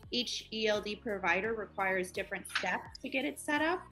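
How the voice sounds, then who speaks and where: Bright-voiced young woman explaining clearly. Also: medium pitch, animated, normal speed, faint music behind. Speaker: project manager guest. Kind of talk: company video interview.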